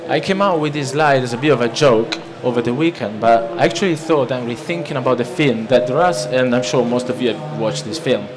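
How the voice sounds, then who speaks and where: Talking a little fast and hardly pausing, a medium-pitched man with an Italian accent gives a loose, filler-heavy seminar talk full of restarts. He is a conference presenter from Italy in his thirties, speaking into a lectern microphone in a large conference hall with background noise from a listening audience.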